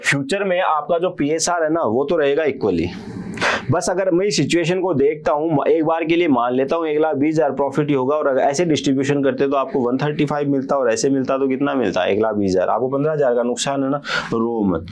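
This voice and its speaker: A young man teaching commerce in a casual lecture, acting out a quarrel between business partners and their accountant, and often asking his students quick check-in questions. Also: medium pitch, a little mellow. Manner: acts out partners' quarrels with a CA in quoted voices. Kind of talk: casual Hindi lecture with playful storytelling.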